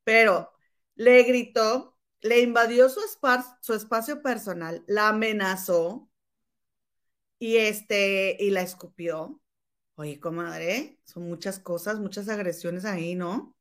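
A woman's voice: medium pitch, steady tone, takes it slowly. A woman in casual chat with a friend, reacting strongly and calling her comadre.

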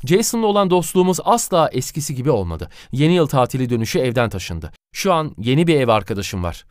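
A man narrating a scripted animated story in an expressive, dramatic manner. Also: mid-range voice, quick pace, clear, resonant tone, no echo, clean studio sound.

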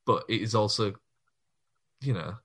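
Guy on a podcast, bright forceful voice, keen and chatty, laughs a lot. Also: on the low side, unhurried, slightly rough. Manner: enthusiastic, laughs easily. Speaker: podcast co-host. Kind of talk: casual chat.

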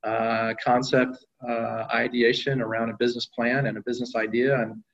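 A man's voice: mid-range voice, flat delivery, normal speed, creaky, highs cut off. A middle-aged man answering interview questions as a guest, talking conversationally with frequent fillers and restarts. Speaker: guest, company executive.

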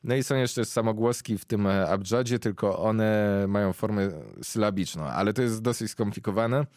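A young man hosting a podcast, explaining things to his guest in a casual, thoughtful way and pausing often to find his words. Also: fairly low pitch, darkish tone, no echo, studio quality. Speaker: podcast host interviewing a guest.

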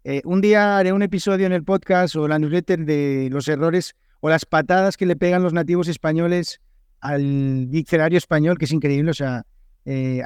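A man with a Spain Spanish accent hosts a casual podcast interview. His voice is smooth and clear, sitting a little high for a man, and the recording is dry. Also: darkish tone, no echo. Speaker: podcast host and teacher.

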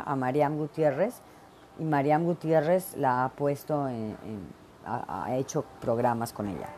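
Speaking in a low, warm voice, this middle-aged podcast host from Veracruz, Mexico, offers blunt and emphatic opinions on her own show. It's a solo monologue full of fillers, with a slight hiss or hum in the recording.

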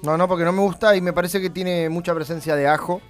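A man's voice: high-pitched, fairly even intonation, quick pace, soft background music. A man with an Argentine accent hosting a radio show, running through the day's dates in an informative, affirming way. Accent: Argentine Spanish. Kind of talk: casual radio chat.

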